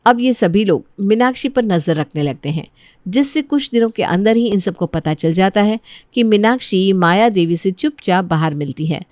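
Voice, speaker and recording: A woman narrating a family story in a calm, plain storytelling manner. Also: medium pitch, normal speed, no echo, clean studio sound.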